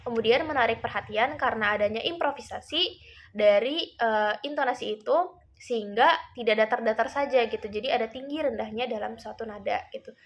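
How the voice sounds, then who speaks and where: A woman's voice: a little high, a little fast, a little hiss or hum. A teenage girl giving a school presentation, explaining in a casual way with frequent tag words. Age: late teens. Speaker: student presenter.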